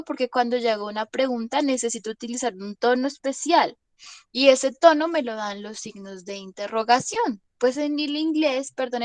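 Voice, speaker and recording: A woman's voice: sits high, no room sound. A woman English teacher giving an online class lesson, patiently explaining and checking often that students follow. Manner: patient, checks understanding with frequent tag questions.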